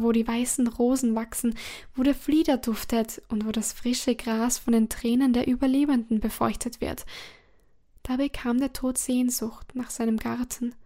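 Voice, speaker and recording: A woman reading a classic fairy tale aloud in a calm, measured way. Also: a little high. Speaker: storyteller.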